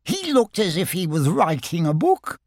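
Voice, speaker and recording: A man's voice: high voice, wildly swooping pitch, normal speed, darkish tone, dry recording, studio quality, pitched above the performer's own voice, heavily acted. A man voicing a small, timid young pig who is anxious and eager not to be left out. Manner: anxious, pleading.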